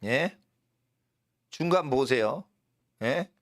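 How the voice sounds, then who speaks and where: A male pastor preaching a sermon, hammering home points with sharp high shouts, then dropping low to explain. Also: animated, very slow, no room sound, clean studio sound. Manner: drops to a low, quiet explaining tone between outbursts. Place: church.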